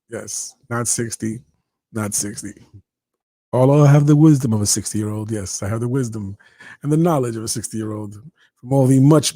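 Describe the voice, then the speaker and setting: A man in his early fifties hosts a casual livestream chat, talking with viewers, reading their comments aloud as he goes and often interrupting himself. His medium-pitched voice is a little mellow, and the recording is studio quality with no room sound.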